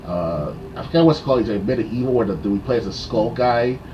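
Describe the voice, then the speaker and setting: A man co-hosting a gaming podcast, remembering old games in a halting way full of fillers. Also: medium pitch, recorded from a distance, highs cut off, noisy background. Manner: halting, filler-heavy recollections. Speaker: podcast co-host. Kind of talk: casual gaming chat.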